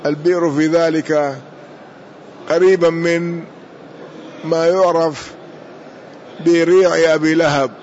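A man's voice: a little high, little pitch movement, slow pace, pauses often, darkish tone. A man teaching a lesson, explaining a classical text and repeating key words to drill their pronunciation, in a muffled lo-fi recording.

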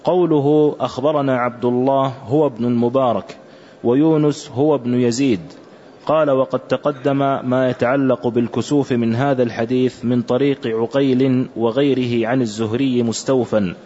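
A man reading aloud a classical religious commentary for a teacher, in a measured, careful recitation. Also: medium pitch, fairly even intonation, mellow. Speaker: student reading the text aloud. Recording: dull lo-fi recording.

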